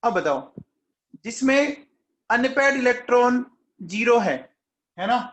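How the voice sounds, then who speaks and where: A man teaching chemistry to a class, checking often whether the students understood and calling on them by name to answer quickly. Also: very high-pitched, animated, a bit bright, reverberant, poor audio. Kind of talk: classroom lecture.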